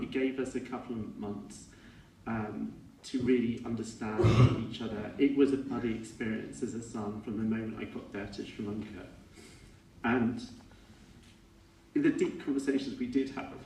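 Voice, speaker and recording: A middle-aged man giving an informal funeral speech as a son, halting and reflective, often correcting himself as he goes. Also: medium pitch, warm tone. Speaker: son giving a eulogy for his father. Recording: echoey room, distant mic, faint noise.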